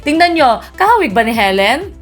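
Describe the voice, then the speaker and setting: A woman's voice: sits high, sing-song, moderate pace. A woman, chatty and teasing, narrating a vlog about her daughter. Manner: chatty and teasing, laughs at her own jokes. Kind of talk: playful voice-over narration.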